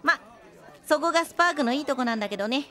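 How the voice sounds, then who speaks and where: In a Japanese audio drama, a woman voices a cheeky young minstrel companion, sounding lively, teasing and encouraging. Her voice is high and she races along, with a faint crowd audible behind her.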